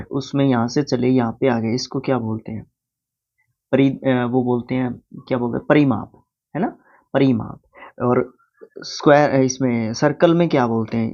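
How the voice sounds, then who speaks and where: Hindi-speaking man spelling words slowly. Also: medium pitch, vocal fry, a little mellow. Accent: Indian. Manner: spells words out letter by letter, slowing down; asks the viewer questions, then answers them. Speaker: English spelling teacher. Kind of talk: casual spoken lesson. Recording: slightly dull, lo-fi recording.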